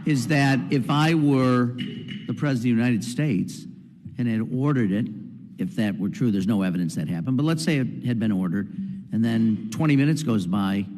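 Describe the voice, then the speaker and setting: A man with a mellow, fairly low voice argues his point insistently. The long reverb of a large hearing room surrounds him. He debates a witness across the table. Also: moderate pace. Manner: argumentative, insistent. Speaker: congressman.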